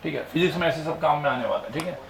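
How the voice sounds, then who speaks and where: A man's voice: on the high side, very fast, creaky, fairly bright tone, slight background noise. A male physics teacher giving a classroom lecture, firing constant questions at his students. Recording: echoey classroom with faint ambience.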